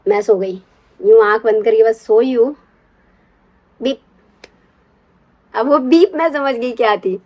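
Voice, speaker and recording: Young woman storyteller, slightly high voice, chatty and confiding, drops to whispers. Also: slow pace, pauses often. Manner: chatty, confiding, keeps asking "you get it?"; drops to a hushed whisper when acting out secrecy. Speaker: storyteller recalling her first love. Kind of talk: casual personal storytelling.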